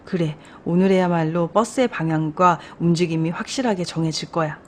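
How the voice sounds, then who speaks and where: A woman's voice: on the low side, fairly quick, a little hiss or hum, natural voice. A woman voicing a doubtful man who leads an office team, asking hesitant questions in a storybook reading. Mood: unsure.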